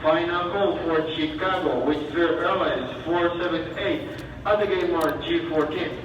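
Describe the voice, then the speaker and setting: A man making a formal, measured boarding call over an airport PA loudspeaker, heard in a large terminal. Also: a little high, a little hiss or hum. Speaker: airport announcer. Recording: echoey, dull PA heard from far off.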